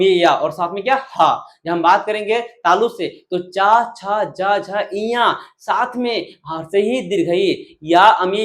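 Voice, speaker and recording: A man's voice: high voice, fairly bright tone. A male teacher giving an exam-prep grammar lesson, repeating syllables in a drill and asking questions that he answers himself.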